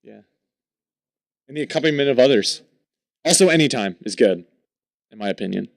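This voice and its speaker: A man's voice: mid-range voice, animated, fairly quick, vocal fry, no room sound, studio quality. A young man in his twenties co-hosting a college radio show, wry and playfully mock-serious. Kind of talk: jokey radio banter.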